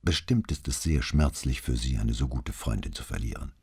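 A man's voice: very deep voice, lively intonation, normal speed, slightly rough, full character voice. A man playing a courteous, patient detective. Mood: gently probing. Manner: gentle, polite questioning. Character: patient, courteous middle-aged male police detective.

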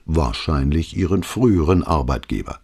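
A man's voice: rumbling low, lively intonation, moderate pace, a little mellow, breathy edge, full character voice. A man voicing a cautious, diplomatic police inspector who answers his superior deferentially in an audiobook.

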